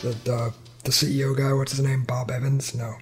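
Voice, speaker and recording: A man co-hosting a podcast, joking around in an animated, casual way and laughing often. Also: medium pitch, brisk, faint music behind. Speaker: podcast co-host. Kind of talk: casual chat.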